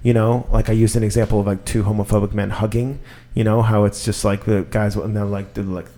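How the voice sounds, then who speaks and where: A man in his thirties, a podcast host chatting casually and telling stories in a rambling, animated way with lots of fillers. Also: on the low side, fairly quick. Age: 30s.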